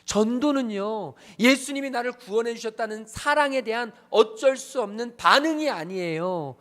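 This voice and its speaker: A man's voice: extremely high pitch, expressive, moderate pace, a bit bright. A man preaching a sermon as pastor, emphatic, repeating phrases and speaking straight to the congregation.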